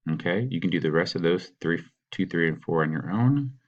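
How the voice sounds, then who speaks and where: A man teaching, patiently talking students through a worksheet and sounding out words slowly. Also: deep voice, expressive, highs cut off. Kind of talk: recorded classroom walkthrough.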